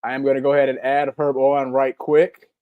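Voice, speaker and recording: A man in his forties with a Southern US accent, co-hosting a live podcast in relaxed, rambling casual chat with many filler ums. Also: medium pitch, brisk, smooth, no echo, phone-quality sound. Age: 40s. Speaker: podcast co-host.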